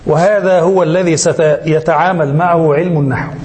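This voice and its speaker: High-voiced sheikh lecturing in an echoey hall. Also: male voice, steady tone, darkish tone. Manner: asks questions and lets listeners finish them; slow, deliberate, repeats key terms. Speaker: sheikh teaching Arabic grammar. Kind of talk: classroom lecture.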